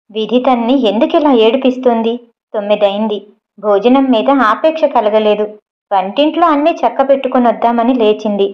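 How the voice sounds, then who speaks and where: Woman narrating a story on a lo-fi recording. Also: a little high. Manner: measured, steady storytelling. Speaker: audiobook narrator. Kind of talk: reading a short story aloud. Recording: dull lo-fi recording.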